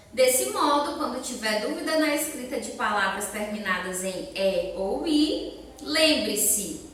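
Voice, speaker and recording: A woman's voice: on the high side, sharp tone, heavy reverb, recorded from a distance, a little hiss or hum. A woman teacher with a Brazilian accent, patiently explaining a lesson to children step by step and asking them questions. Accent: Brazilian Portuguese. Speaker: elementary school teacher. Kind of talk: recorded remote class lesson.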